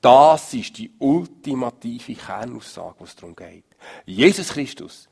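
Man, preacher, gravelly voice, emphatic sermon, loud stresses and low murmurs. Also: sing-song, unhurried. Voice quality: gravelly, husky.

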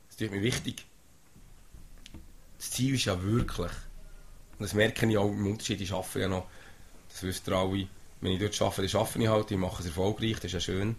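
Man, gravelly, informal preaching, keeps asking "oder?". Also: fairly low pitch, steady tone, a little fast, pauses often. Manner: conversational, often asks "oder?". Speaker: lay preacher. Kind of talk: informal sermon to a small group.

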